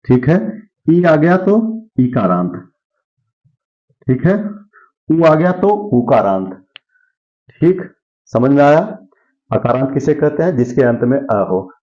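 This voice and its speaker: A man's voice: mid-range voice, dull audio. Man teaching Sanskrit grammar, quizzing aloud. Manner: asks questions and answers them himself. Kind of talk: classroom lesson.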